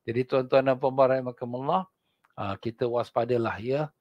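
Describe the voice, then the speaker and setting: Emphatic Singaporean Malay teacher. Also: male voice, medium pitch, fairly quick, dry recording, highs cut off. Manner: swings from loud emphatic points to hushed prayer. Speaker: religious teacher. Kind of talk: Malay religious lecture with prayers. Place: mosque.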